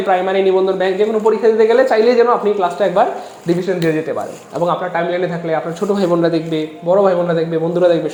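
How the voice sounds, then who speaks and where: High-voiced energetic tutor. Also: male voice, echoey room, slight background noise. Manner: energetic, repeats phrases, asks the audience questions. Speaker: exam-prep English teacher. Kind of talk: online class lecture.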